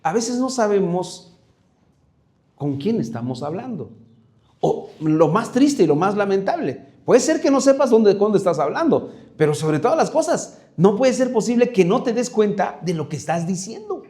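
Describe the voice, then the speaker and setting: The middle-aged man giving this sermon has a high, warm voice with large pitch swings and talks at normal speed. Hesitant and conversational, he repeats words often and asks listeners to repeat after him.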